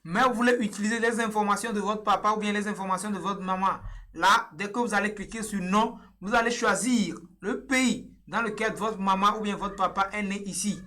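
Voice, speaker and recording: A young man from Togo presents a webcam tutorial from a small room, his high, bright, forceful voice steady in tone and fairly quick. He guides viewers patiently through an online form, step after step, with repetition and frequent hesitation.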